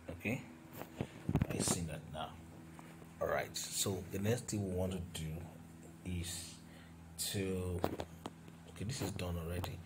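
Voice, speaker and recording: Slow, deep-voiced man teaching design. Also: very noisy. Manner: talks through each step while working, with fillers and restarts. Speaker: design tutor. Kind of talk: screen-recorded software tutorial.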